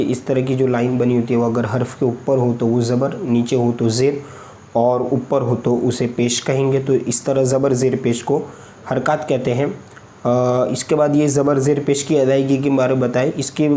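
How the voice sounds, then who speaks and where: Patient man drilling letters slowly. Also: medium pitch, mellow, slight background noise. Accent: Indian Hindustani. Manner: patient, slow syllable-by-syllable drilling; frequent checking asides. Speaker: Quran reading teacher. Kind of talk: step-by-step recorded lesson.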